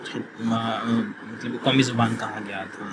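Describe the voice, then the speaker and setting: A man, a quiz tutor who reads questions slowly and then explains the answers in a plain conversational tone. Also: fairly low pitch, level tone, heavy background noise. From Pakistan.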